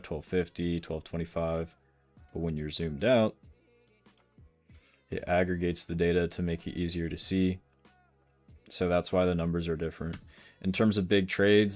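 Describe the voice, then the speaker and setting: A man's voice: low voice, darkish tone. A man streaming live day trading, casually explaining charts and answering questions from chat.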